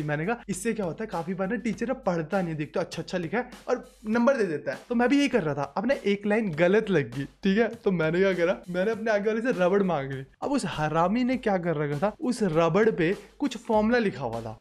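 Animated young man telling a story. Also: high-pitched, fairly quick, hardly any pauses. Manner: animated, acts out quotes. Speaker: vlogger. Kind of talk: storytime vlog, casual chat.

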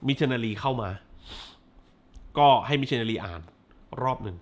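A man's voice: medium pitch, normal speed, a little hiss or hum. A man hosting a casual film review chat, blunt and full of crude slang and swearing, hammering points with repeated words. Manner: emphatic repetitions.

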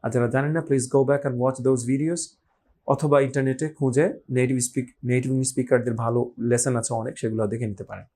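A man, teaching English pronunciation and patiently repeating example words slowly. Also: mid-range voice, fairly even intonation, mellow. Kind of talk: explanatory lesson.

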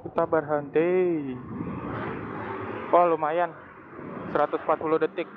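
A man's voice: fairly high pitch, flat delivery, measured pace. A young man chatting casually while riding a motorcycle through city traffic, slangy and laughing often, through a wired mic inside his helmet. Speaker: motovlogger. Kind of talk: casual motovlog chat. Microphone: wired earphone mic from phone into helmet. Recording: tinny phone-like mic with loud traffic noise. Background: traffic and engine noise.

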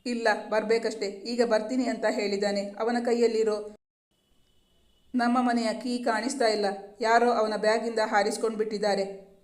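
A storyteller voicing an anxious, tearful young female student who speaks in a fearful, pleading way, in a flat tone. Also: fairly high pitch, normal speed, roomy sound, close to an everyday voice. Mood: worried.

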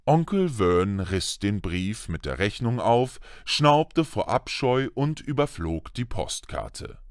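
A man narrating a children's fantasy audiobook in a slow, expressive storytelling manner. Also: lowish voice, dry recording, clean studio sound.

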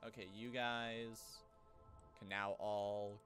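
A man's voice: on the low side, little pitch movement, takes it slowly, a bit bright, faint music behind. A man, muttering offhand, sweary commentary as he streams a game. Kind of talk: casual gameplay commentary.

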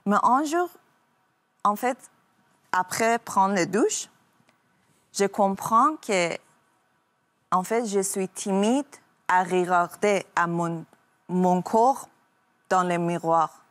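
Slow, halting woman. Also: medium pitch. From Iran. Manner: halting, searching for French words. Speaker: guest. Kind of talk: TV talk show testimony.

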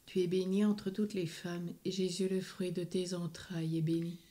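A woman acting as prayer leader recites the rosary slowly and steadily in a prayerful manner. Her voice is slightly low, soft, and mellow.

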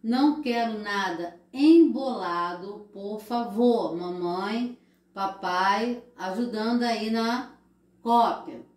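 Slow, patient woman teacher, echoey room. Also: mid-range voice, a little mellow. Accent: Brazilian Portuguese. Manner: slow, patient, drawn-out explaining to children. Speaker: primary school teacher. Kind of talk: recorded remote class lesson.

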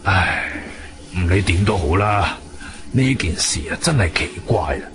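An actor with a Guangzhou Cantonese accent playing a weary, sceptical police colonel in a radio drama, speaking in a hesitant, official manner. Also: male voice, low voice, animated, measured pace. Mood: troubled. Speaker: supporting actor. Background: music.

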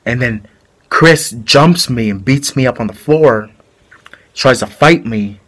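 A man playing a male killer who confesses a brutal fight in a halting, rambling way, in an amateur home-video drama. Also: medium pitch, fairly bright tone. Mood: flat confessing. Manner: halting, rambling storytelling with restarts.

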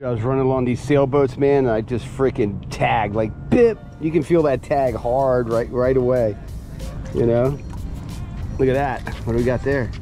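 Upbeat guy filming himself on the docks, loud and hyped, music bed underneath. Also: mid-range voice, normal speed. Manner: hyped, shouts catchphrases like "baby". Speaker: magnet fishing vlogger. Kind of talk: excited outdoor vlog narration. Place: outdoor waterfront docks and park.

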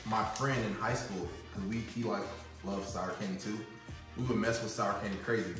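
A man's voice: on the low side, steady tone, normal speed, a bit bright. A man hosting a casual taste test, talking with slangy, laid-back phrasing while eating sour candy. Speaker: host of a candy taste challenge. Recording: very echoey room, distant mic, music underneath.

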